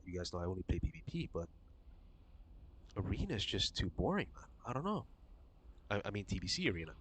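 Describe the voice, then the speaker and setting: Sick and a bit raspy, a deep-voiced man rambles to his viewers while streaming a game, swearing loosely and chatting casually. There's a little hiss or hum in the recording.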